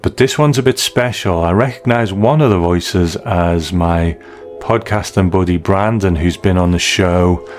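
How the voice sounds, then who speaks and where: A middle-aged British man hosts a podcast, casually working through listener feedback in a chatty, conversational way. His voice is low and a little slow, with faint music behind him.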